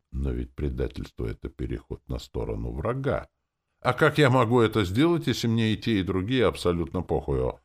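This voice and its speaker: A man narrating a first-person audiobook in a wry, expressive way. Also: low-pitched, vocal fry. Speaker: audiobook reader.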